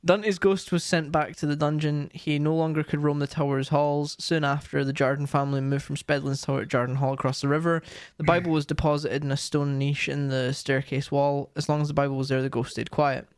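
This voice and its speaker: A man's voice: on the high side, little pitch movement, fairly quick, hardly any pauses, clean tone, no room sound, clean studio sound. A young Scottish man co-hosting a podcast, chatting casually and reading aloud. He swears often and laughs a lot. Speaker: podcast co-host.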